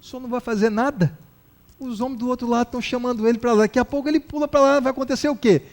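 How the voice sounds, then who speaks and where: A man's voice: very high voice, fairly even intonation, rapid-fire, pitched above the performer's own voice. A man voicing the devil's fussy male assistant, who speaks deferentially and sounds worried.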